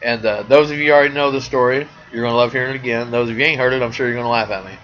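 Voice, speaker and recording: A man hosting his own show, telling stories in a rambling, animated casual monologue. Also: mid-range voice, rapid-fire. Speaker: podcast host. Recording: dull lo-fi sound.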